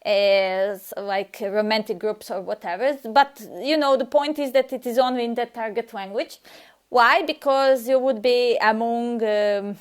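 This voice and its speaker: A Serbian-native woman teaches a casual language lesson and responds to a viewer, often hesitating and restarting. Her voice is fairly high and clean, and she speaks at a measured pace.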